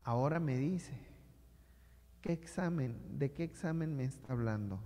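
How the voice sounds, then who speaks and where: A woman's voice: rumbling low, expressive, a little slow, dark tone, long reverb tail, voice pushed down. A man doing a stern, intimidating mother.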